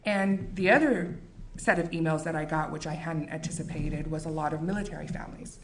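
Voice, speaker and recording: A woman's voice: low-pitched, slight background noise. Earnest woman giving a book talk. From United States. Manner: measured, earnest, with frequent fillers. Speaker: author. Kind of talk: book talk and reading aloud.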